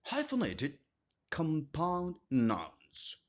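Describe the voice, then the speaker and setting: Slow, very expressive male English teacher. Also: a little high. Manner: slow and deliberate, repeats each term with strong stress. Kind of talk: scripted grammar lesson narration.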